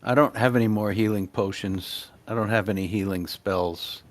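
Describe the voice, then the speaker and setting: A man's voice: fairly low pitch, normal speed, faint music behind. A man playing a tabletop role-playing game, narrating his character's actions in the first person.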